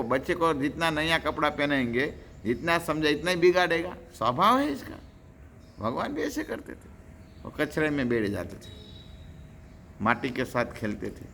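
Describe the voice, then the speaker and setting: Bright-voiced man telling a devotional story. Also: a little high, a little hiss or hum. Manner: animated storyteller, voicing characters, chanting verses. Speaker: preacher.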